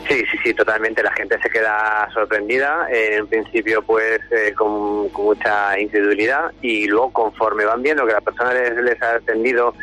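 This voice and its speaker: A man's voice: fairly low pitch, bright, forceful tone, rough recording. A man answering spontaneously in a radio interview, hesitating and repeating words. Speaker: charity communications officer, interview guest.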